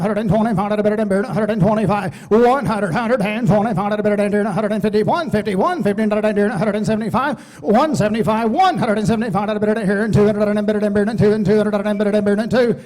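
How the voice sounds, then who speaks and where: A man competing as an auctioneer, introducing items and calling bids in a rapid rhythmic chant. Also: sits high, darkish tone. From Texas. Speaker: auctioneer contestant. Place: large event hall. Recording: long hall reverb.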